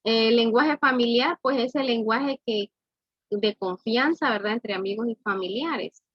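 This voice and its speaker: A woman teaching a class, explaining slowly and checking in with "¿verdad?" after nearly every point. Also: a little high, no echo, dull audio. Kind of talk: classroom lesson.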